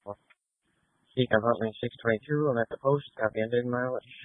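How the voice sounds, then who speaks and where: A man's voice: medium pitch, steady tone, normal speed, no room sound. A man, a police officer, checking in with terse radio codes over a police radio. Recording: narrow-band dry radio transmission.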